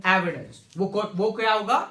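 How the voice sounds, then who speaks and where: A law lecturer with a Pakistani Punjabi accent teaches a class, explaining things repetitively, frequently checking for agreement and mixing in English legal terms. His voice sits high and sounds bright and forceful, with a measured pace. The room sound is echoey.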